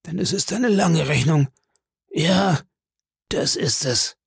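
A man's voice: on the high side, expressive, slow pace, gravelly, breathy edge, no echo, studio quality, pitched above the performer's own voice, full character voice. A man voicing a wily old male pirate cook who talks in an ingratiating, bargaining way in an audiobook reading. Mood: wheedling.

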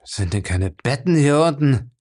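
A man's voice: mid-range voice, moderate pace, lightly acted. A man voicing a whiny, defiant and cowardly man in an audiobook, sulky and complaining. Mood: sulky whining.

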